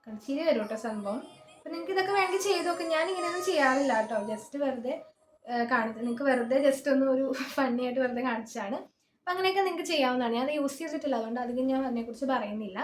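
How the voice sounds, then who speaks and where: A woman explains how she records song covers in a relaxed, chatty way, often pointing things out as she goes. Her voice is high and she talks quickly. The sound carries the ring of a small closed room. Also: roomy sound, faint music behind. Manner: chatty and informal, often saying "see" while showing things. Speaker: singer giving an app tutorial. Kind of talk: casual screen-recorded tutorial.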